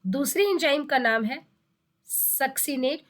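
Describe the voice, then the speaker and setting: A woman gives a biology lesson for exam students, her voice sitting high. She explains step by step, repeats terms for emphasis and poses questions to herself before answering. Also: unhurried. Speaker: biology teacher. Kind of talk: exam-prep lecture.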